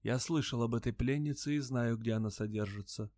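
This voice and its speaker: A man's voice: mid-range voice, fairly quick, no room sound, clean studio sound, voice pushed up, lightly acted. Man doing a whispery timid alien creature. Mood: fearful, hushed. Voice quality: soft rustling whisper. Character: timid robed alien creature, male, fearful.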